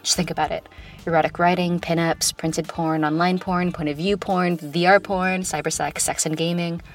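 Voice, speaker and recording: A woman hosting a podcast, reading a scripted opinion piece in a smooth, composed, conversational way with wry touches. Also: fairly low pitch, steady tone, normal speed. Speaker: podcast host. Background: music.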